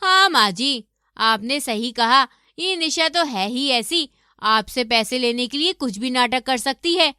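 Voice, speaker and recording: A spiteful, scheming young wife in a cartoon story, put on by a woman. She talks slyly in a high, very bright voice that sounds dry and close. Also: animated, a little slow, smooth, no room sound, heavily acted. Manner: sly, spiteful. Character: scheming greedy young elder daughter-in-law.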